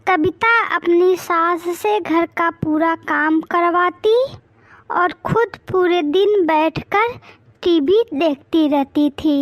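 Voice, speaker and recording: A woman narrating a moral cartoon story in a slow, deliberate storytelling manner. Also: extremely high pitch, no echo, lo-fi sound.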